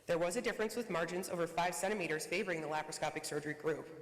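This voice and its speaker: Fast-reading presenter in a reverberant hall. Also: mid-range voice. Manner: reads quickly from a prepared script. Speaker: researcher presenting a study. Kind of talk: conference presentation. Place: conference hall. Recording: echoey conference hall reverb.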